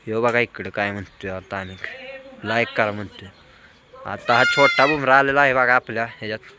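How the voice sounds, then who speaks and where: A man gives excited running commentary on a game of rooftop cricket for his vlog, calling out to the kids and to his viewers. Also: medium pitch, brisk, a crowd in the background. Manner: lively, calls out to kids and viewers. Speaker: vlogger. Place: outdoor rooftop terrace.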